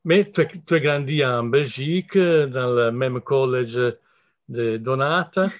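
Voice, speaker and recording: A man's voice: mid-range voice, slow pace, muffled recording. A man hosting a live-streamed interview, friendly and joking with his guest. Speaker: host. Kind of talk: casual interview chat. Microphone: video call.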